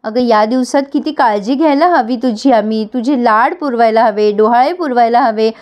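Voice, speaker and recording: A woman's voice: on the high side, moderate pace, a little mellow, natural voice. Woman reads as a remorseful aunt, tearful and apologetic, in a soap-opera recap. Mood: guilty. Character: older aunt, guilt-ridden and tearful.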